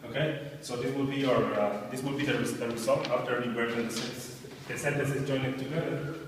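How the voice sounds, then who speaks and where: A man's voice: mid-range voice, steady tone, brisk, distant mic, background noise. A man explaining grammar to a class, hesitant and repeating words. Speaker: student presenter. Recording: echoey room recorded from afar.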